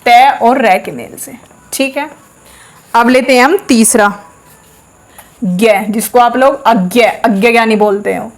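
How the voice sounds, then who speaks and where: Slow, patient woman teaching. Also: fairly high pitch. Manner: explains step by step, asks the class questions and answers them herself; says sounds aloud slowly for practice. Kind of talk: classroom lesson.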